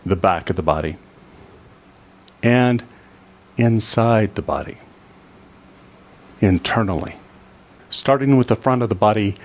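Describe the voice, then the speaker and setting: Male qigong instructor, low voice, very slow soothing guided body scan. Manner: slow, calm, soothing guidance with long pauses. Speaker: tai chi and qigong instructor.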